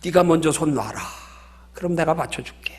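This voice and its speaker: A man voicing God in a sermon story, speaking low, hushed and stern. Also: expressive, fairly quick, lightly acted. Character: God speaking firmly to a believer, male.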